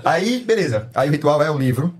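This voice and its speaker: A man with a Brazilian Portuguese accent, co-hosting a podcast and telling family stories in a casual, animated way, laughing often and mimicking his daughter. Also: on the high side, fairly quick, breathy edge. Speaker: podcast co-host. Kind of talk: casual chat.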